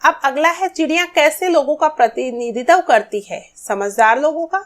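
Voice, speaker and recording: A woman's voice: high voice, moderate pace. A woman teaching a lesson, talking straight to the children, asking questions and then answering them herself. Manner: addresses children directly, asks and answers her own questions. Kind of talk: classroom-style lesson explanation.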